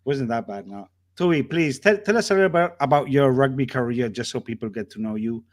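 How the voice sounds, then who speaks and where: A man's voice: mid-range voice, lively intonation, brisk. Chatty joking male talk-show host. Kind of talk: casual sports talk show.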